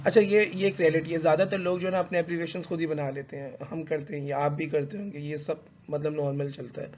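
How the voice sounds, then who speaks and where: Man, lecture-style teacher, pitch a touch high, dull lo-fi recording, stops to correct himself. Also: flat delivery, darkish tone, a little hiss or hum. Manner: reads English slowly, then explains in conversational Hindi mixed with English; hesitant, with fillers and self-corrections. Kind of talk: explanatory lecture.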